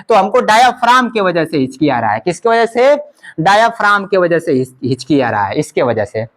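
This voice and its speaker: A man teaches a video lesson. He points through a diagram, fires questions at his viewers and answers them himself. He repeats each point several times. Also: sits high.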